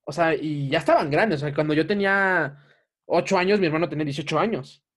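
A man's voice: fairly high pitch, fast, a bit bright. A young man with a Mexican Spanish accent, telling a story in a casual podcast chat and laughing often.

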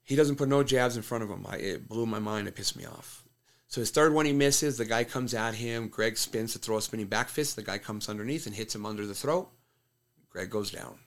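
With a lowish voice and a slightly quick pace, an MMA fighter and coach guesting on a podcast bluntly narrates a fight in casual talk, swearing without restraint.

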